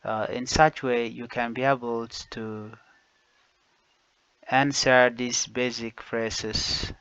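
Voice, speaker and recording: A man teaching basic phrases, saying each one slowly and repeating it in two languages. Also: mid-range voice, flat delivery, fairly bright tone, clear, resonant tone, dry recording. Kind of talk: slow phrase-by-phrase language lesson. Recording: dull lo-fi dry recording.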